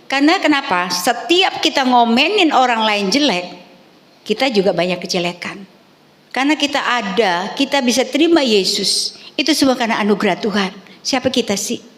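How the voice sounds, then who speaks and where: Middle-aged lady pastor preaching, kinda high voice, big echoey church hall. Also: normal speed. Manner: animated storytelling, asks the congregation questions. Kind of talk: sermon. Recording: echoey hall with long reverb.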